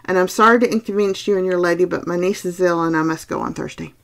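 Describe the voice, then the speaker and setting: A woman voicing an old peasant housekeeper woman who is placid and superstitious, speaking slowly in a hushed rural dialect. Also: lowish voice, gravelly. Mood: stubborn.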